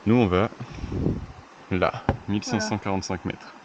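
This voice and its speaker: A man's voice: fairly low pitch, normal speed. A young man hosting a casual hiking vlog, joking and chatting to the camera outdoors on a mountain trail. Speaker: hiking vlogger. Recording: outdoor camera audio, stream noise behind.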